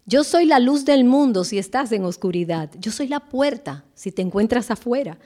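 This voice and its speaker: A woman giving an earnest devotional Bible teaching, slowing down with emphatic pauses. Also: a little high, animated, mellow.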